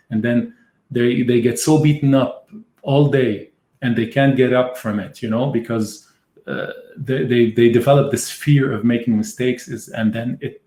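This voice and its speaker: Middle-aged man, webinar host, anecdotal teaching, mid-pitched voice, roomy echo. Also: dark tone. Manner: storytelling, explains with anecdotes. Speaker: market analyst hosting a trading webinar.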